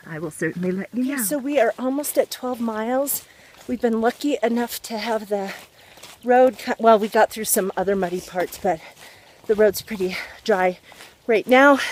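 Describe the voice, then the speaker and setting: A woman's voice: medium pitch, slight background noise. A woman vlogging casually outdoors on a handheld camera, talking while walking through a trail race. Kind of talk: casual vlog chat.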